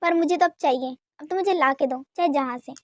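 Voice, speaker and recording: A stubborn young wife who pouts and insists on getting her way, as voiced by a woman in an amateur fan dub. Her voice sits extremely high and comes across dry and close, with nothing of the room around it. She keeps pressing and accusing in short, insistent bursts. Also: no echo, close to an everyday voice. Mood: demanding. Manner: insistent, pouting, quick to accuse.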